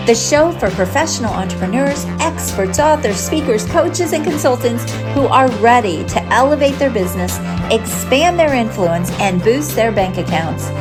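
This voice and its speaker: A woman reading a scripted podcast intro in an upbeat, punchy listing delivery. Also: on the high side. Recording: loud music bed behind.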